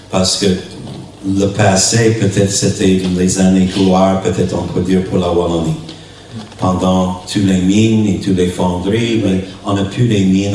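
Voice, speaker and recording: A visiting pastor from New Brunswick, a native English speaker with an English-Canadian accent, preaches a sermon haltingly in short phrases, searching for words. His voice is deep and a little mellow. It was recorded in an echoey church hall during a worship service, from a distant mic with faint noise.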